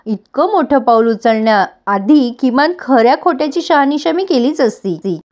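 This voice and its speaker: A woman's voice: high voice, expressive, moderate pace, darkish tone. A woman narrating a TV serial recap, chatting directly to her viewers. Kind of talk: retelling a TV serial episode.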